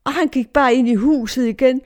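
A woman's voice: high-pitched, darkish tone, voice pushed up, natural voice. A woman voicing a four-year-old girl who innocently explains how she got lost. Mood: earnest. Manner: innocent, plain recounting. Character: little girl of four, earnest and tired.

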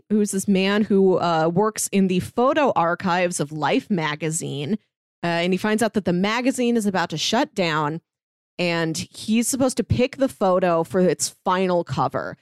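A woman with a medium-pitched voice co-hosts a podcast, pitching movies in a casual, enthusiastic, chatty way. The recording is dry.

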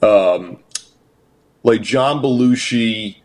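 A man co-hosting a podcast, telling stories in a casual, profane, animated way. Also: on the low side, very slow. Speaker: podcast co-host. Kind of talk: casual chat.

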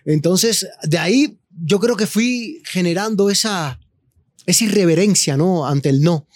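A man, a guest telling his story with animated, slangy chat. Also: sits high, measured pace, dry recording, clean studio sound. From Cuba. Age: 40s. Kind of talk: casual interview chat.

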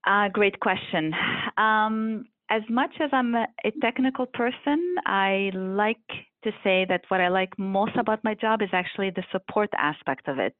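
A woman in her forties from Lebanon, a guest in an interview, who answers in a measured way with frequent ums and uhs. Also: medium pitch, dry recording. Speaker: airline revenue management guest. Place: Montreal office. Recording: tinny phone-like line, dry.

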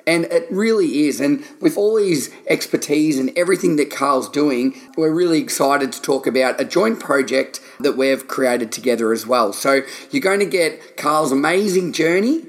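A man's voice: on the high side, animated, moderate pace, few pauses. A man hosting a podcast, introducing a guest and asking questions in an upbeat, enthusiastic way. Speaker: podcast host.

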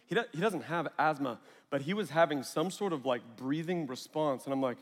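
A man in his thirties preaching a sermon as a storytelling pastor, lively and acting out family conversations. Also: fairly high pitch, brisk. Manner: animated, acts out family dialogue. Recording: long hall reverb.

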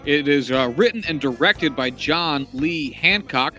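A man's voice: on the high side, lively intonation, unhurried, sharp tone, soft background music. A man co-hosting a casual film review chat, rambling with lots of fillers and wry asides. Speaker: podcast co-host.

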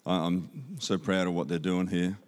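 A guest speaker with an Australian accent delivers a church sermon in an auditorium, holding a handheld microphone. His low voice is animated at a moderate pace, upbeat and conversational, and he repeats key phrases for emphasis.

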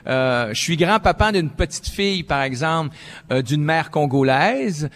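An older man from Quebec with a Québécois accent, answering as a panelist in a halting way, with many fillers and frequent "ok"s. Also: fairly high pitch, animated, a bit bright. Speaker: panelist, former school principal.

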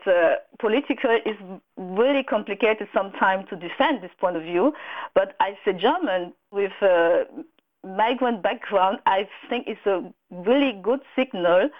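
A woman from Cameroon, a radio guest answering earnestly with many restarts. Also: medium pitch. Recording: tinny phone line.

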